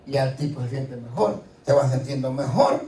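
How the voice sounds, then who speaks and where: A man's voice: mid-range voice, expressive, moderate pace, mellow. A man preaching a sermon in a conversational way, often asking the congregation rhetorical questions. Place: church. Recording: echoey hall, voice from a distance. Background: faint ambience, congregation responses.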